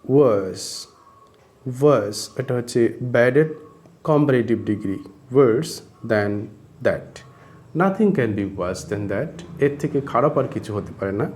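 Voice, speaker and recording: A man teaching spoken English, explaining grammar slowly and repeating each phrase word by word. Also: mid-range voice, mellow.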